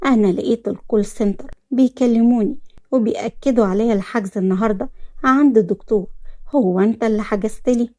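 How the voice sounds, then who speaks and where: A woman with an Egyptian accent voicing a meek, obedient young wife who answers softly. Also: a little high, fast talker, close to an everyday voice.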